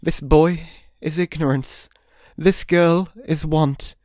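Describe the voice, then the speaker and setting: A man voicing a stern, sorrowful male spirit with a solemn way of speaking that rises into loud warnings, in an audiobook reading. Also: a little high, steady tone, takes it slowly, no room sound, studio quality, voice pushed up.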